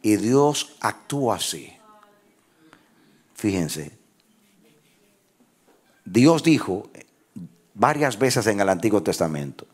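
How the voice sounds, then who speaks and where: A man preaching a sermon as pastor, who leads his congregation in call-and-response and rises into shouted, half-sung phrases. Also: on the low side, sing-song, slow pace, pauses often, breathy edge. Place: church with congregation.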